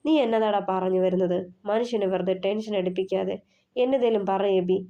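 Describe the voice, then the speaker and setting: A woman's voice: medium pitch, fairly even intonation, normal speed, warm tone, lo-fi sound, natural voice. A woman reading the part of an impatient, protective young husband who presses with questions.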